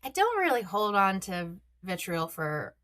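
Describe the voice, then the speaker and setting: A middle-aged woman who creates content appears as a podcast guest, chatting casually and dropping many "um" and "uh" fillers. Her voice is medium-pitched, swings widely in pitch, and moves at a measured pace.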